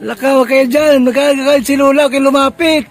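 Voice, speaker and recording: A man's voice: very high voice, steady tone, quick pace, faint music behind, low-quality recording. A man filming a casual vlog, pleading and coaxing an upset elder with repeated questions. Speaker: relative filming and calming grandmother. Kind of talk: casual handheld vlog chat.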